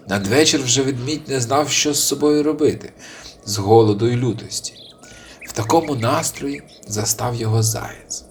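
A man telling a folk tale as scripted narration, reading calmly and expressively. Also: mid-range voice, a little hiss or hum. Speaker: storyteller.

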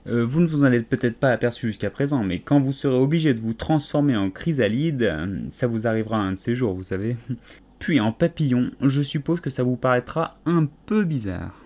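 A man's voice: medium pitch, expressive, normal speed, a little mellow, lightly acted. A man voicing a shy, polite little girl in an audiobook, stammering and hesitant. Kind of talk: audiobook character voice.

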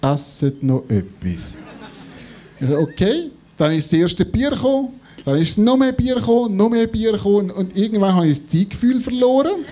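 High-pitched Swiss German man telling stories. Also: fairly quick. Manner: animated storytelling, acting out dialogue. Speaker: comedy show panellist. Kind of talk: live anecdote telling on stage. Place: on stage in a theatre before an audience. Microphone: handheld or stand microphone held close.

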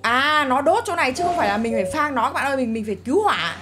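A woman's voice: high-pitched, lively intonation, rapid-fire. A woman co-hosting a let's-play, chatting to viewers and calling out what to do next. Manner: chatty, addresses viewers, gives directions. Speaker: gaming co-host. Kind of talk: casual let's-play commentary. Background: game music.

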